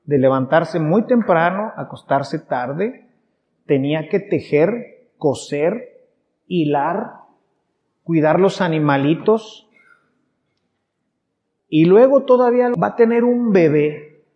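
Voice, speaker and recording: High-voiced Mexican preacher in a reverberant church. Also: male voice, expressive, takes it slowly, long pauses. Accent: Mexican Spanish. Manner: conversational, acts out little quoted scenes. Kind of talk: sermon. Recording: dull sound with long hall reverb.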